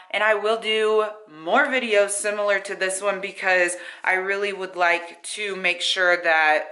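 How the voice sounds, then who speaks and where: A woman's voice: mid-range voice, bright, forceful tone, reverberant. A young woman chatting casually to camera in a home vlog, rambling a little with fillers and restarts. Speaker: YouTuber. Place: home room with bare walls.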